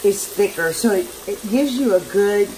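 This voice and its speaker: A woman's voice: mid-range voice, animated, moderate pace. A woman with a Southern accent chatting casually as she cooks at home, rambling and poking fun at herself. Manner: chatty, rambling, self-deprecating. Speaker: home cooking vlogger. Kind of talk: casual cooking demonstration. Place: home kitchen, overhead camera on the stove. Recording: noisy kitchen with a loud fan.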